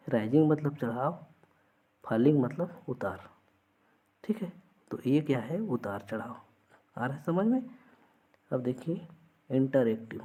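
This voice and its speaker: A man's voice: mid-range voice, phone-quality sound. A man teaching an exam-prep lesson, explaining through everyday examples and often checking that students follow.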